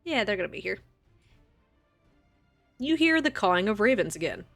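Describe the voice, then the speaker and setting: A woman's voice: medium pitch, big pitch swings, normal speed, gravelly, fairly bright tone, soft background music. A woman acting as game master, narrating a tabletop game in a casual way with easy laughs between rules calls.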